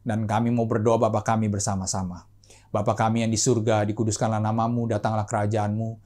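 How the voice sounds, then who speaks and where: A man serving as pastor, preaching with rising emphasis and then leading a steady prayer, often calling out to his listeners and to God. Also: fairly low pitch, fast. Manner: animated preaching, often adding "saudaraku" and "gitu"; softer, steady prayer voice, repeating "Tuhan". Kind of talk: sermon and prayer.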